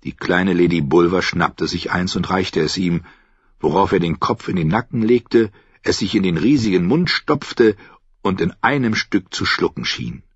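A man reading a novel aloud as audiobook narrator, telling it with lively storytelling. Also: low voice, moderate pace, breathy edge, no room sound. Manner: lively storytelling, voices every character. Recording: dull, dry studio recording.

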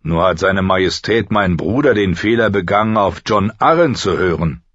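A man's voice: sits low, moderate pace, fairly bright tone, husky, no room sound, lo-fi sound. A man doing a blunt young noble. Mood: offhand. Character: young male noble, king's brother, offhand.

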